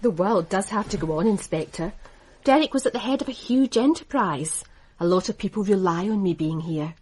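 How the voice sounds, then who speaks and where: In a radio drama, an actress voices a poised woman who runs a racing business, cool and cutting. Her mid-range, slightly dark voice moves with lively intonation at a moderate pace, and she stays composed, dry and crisply assured throughout.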